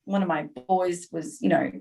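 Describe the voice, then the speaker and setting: A woman's voice: on the low side, fairly even intonation, normal speed, vocal fry, darkish tone, husky, rough recording. A middle-aged woman, an interview guest telling her story candidly and acting out her own past dialogue.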